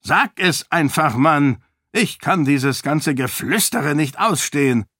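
A blustering, short-tempered king, as a man puts him on. The voice is loud and gruff, pitched a little above the reader's own, and recorded dry and close for a storybook. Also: expressive, measured pace, no room sound. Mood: angry. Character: irritable, blustering middle-aged king.

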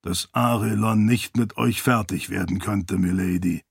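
A man voicing a deep-voiced, formal and courteous floating spirit servant in an audiobook. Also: fairly even intonation, unhurried, creaky, slightly rough, no echo, exaggerated voice.

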